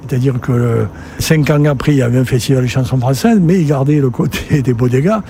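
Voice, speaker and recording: Talking fast in a mid-range, dark-toned voice, an older man from Sète in southern France, 60s or older, relates his story as a festival director in an interview. He speaks conversationally, rambling and repeating words, over a little hiss or hum.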